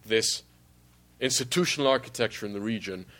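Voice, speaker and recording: A man from Mexico speaking as an ambassador on a panel, giving formal policy remarks in measured, articulate, long sentences. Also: lowish voice, bright, forceful tone.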